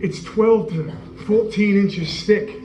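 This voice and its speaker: Man as Roman centurion, halting, stammering, slow, higher-pitched, echoey church hall, faint music. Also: warm tone, slight background noise. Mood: urgent. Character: earnest Roman centurion soldier, awed eyewitness. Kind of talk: church stage monologue.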